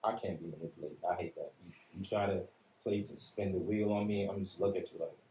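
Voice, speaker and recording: Calm low-voiced man in an echoey room. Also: quick pace. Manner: calm, even, matter-of-fact delivery. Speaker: podcast host. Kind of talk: casual podcast chat. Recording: roomy echo with faint room noise.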